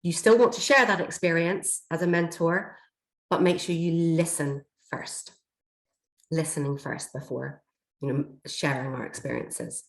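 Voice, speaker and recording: Speaking low and at a measured pace, this woman presents an online workshop as a learning and development trainer, her voice slightly hoarse from a chest infection. She explains things steadily with many fillers, heard through a computer mic over a video call from an echoey room.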